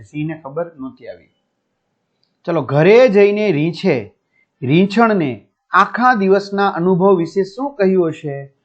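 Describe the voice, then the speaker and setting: A male teacher reads a school lesson aloud and explains the answers step by step to his students. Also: on the high side. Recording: dull lo-fi recording.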